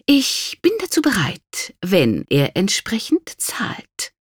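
Haughty, vicious baroness, as an audiobook reader puts her on; high, cutting, prone to hissed threats. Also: wildly swooping pitch, takes it slowly, breathy edge, no room sound, studio quality, full character voice. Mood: imperious. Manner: hissing whispers and shrill outbursts. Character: cruel scheming noble lady, imperious.

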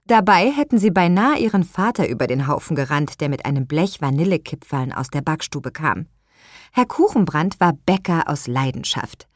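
A woman narrating a children's audiobook with expressive storytelling, slowing down for suspense. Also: sits low, dry recording, studio quality.

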